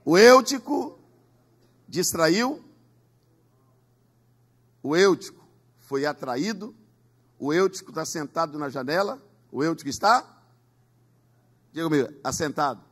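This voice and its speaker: A pastor, a man with a husky, slightly raspy voice, preaches an emphatic sermon in a church. He asks the congregation to repeat his words and talks in a high register. His pitch leaps widely from line to line. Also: expressive, unhurried, long pauses, fairly bright tone. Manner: emphatic preaching with call-and-response. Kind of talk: Pentecostal sermon.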